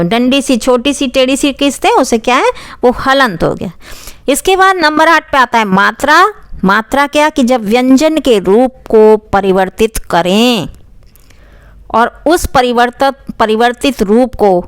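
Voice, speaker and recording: A woman teaching Hindi grammar for exam preparation, who asks questions and answers them herself and sounds out letters slowly. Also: on the high side, a bit bright, clear, resonant tone, dry recording, clean studio sound. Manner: says sounds aloud slowly and repeats them for the viewer. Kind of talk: exam-prep grammar lesson.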